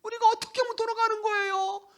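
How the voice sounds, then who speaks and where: A man's voice: very high-pitched, little pitch movement, fast talker, a bit bright, pitched above the performer's own voice. A man preaching mimics the people of ancient Israel, protesting indignantly that they never left God. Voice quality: whiny, protesting.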